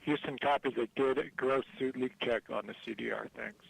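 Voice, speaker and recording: A man working as a mission control radio operator, giving brisk, clipped procedure calls over a crackly space radio transmission. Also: mid-range voice, steady tone, gravelly, no room sound. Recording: distant radio link.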